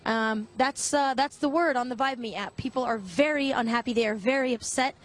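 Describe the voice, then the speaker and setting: A woman's voice: a little high, a little fast, a bit bright. A woman reporter conducting a mock news interview in an earnest, straight-faced way.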